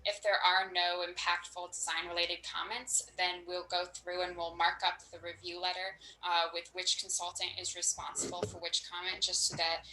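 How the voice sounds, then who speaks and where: A woman from a design firm calmly explaining a permit process step by step over a conference call. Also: fairly low pitch, moderate pace, few pauses, roomy sound, slight background noise, low-quality recording. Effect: conference call audio. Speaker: planning staff at a design firm.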